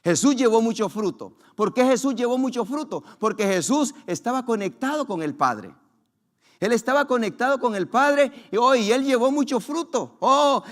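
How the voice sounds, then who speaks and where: High-voiced fervent male preacher. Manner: fervent preaching, rhetorical questions, quoted scripture voiced dramatically. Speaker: pastor. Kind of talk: sermon.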